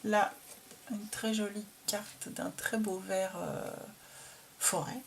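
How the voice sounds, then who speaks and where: Woman, unhurried craft vlogger, hesitant with fillers, faint hiss behind. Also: mid-range voice, steady tone, creaky. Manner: slow, hesitant, filled with "euh". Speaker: craft vlogger showing a received album. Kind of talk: casual show-and-tell.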